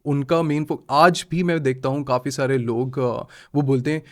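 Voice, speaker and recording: A man's voice: medium pitch, steady tone, normal speed. A man in his thirties, a language trainer, talking in a podcast interview, mixing Hindi and English and laughing often. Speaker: IELTS trainer guest.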